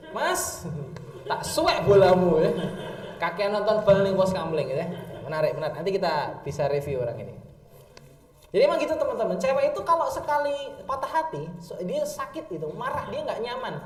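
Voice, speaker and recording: A young man gives a joking, animated sermon to young people. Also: sits high. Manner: joking, animated, slips into voices. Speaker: youth preacher. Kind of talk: humorous motivational sermon. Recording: echoey hall, distant mic.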